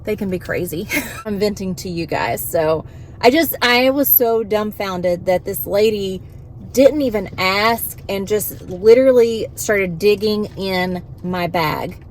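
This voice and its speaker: A woman's voice: mid-range voice, measured pace, slight background noise. Exasperated woman venting a story. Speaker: vlogger and home health worker.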